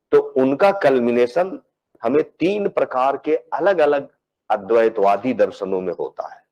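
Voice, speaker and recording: A male philosophy professor lectures in a measured academic style, building his explanation step by step, often repeating words as he searches for phrasing and mixing in English technical terms. His voice is mid-range and a little mellow, on a low-quality recording.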